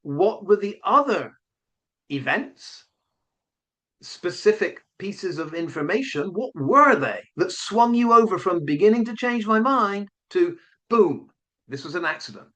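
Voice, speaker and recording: Combative man with a lively voice. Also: high-pitched, measured pace. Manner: combative, sarcastic, emphatic. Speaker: online commentator. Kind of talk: opinion commentary vlog.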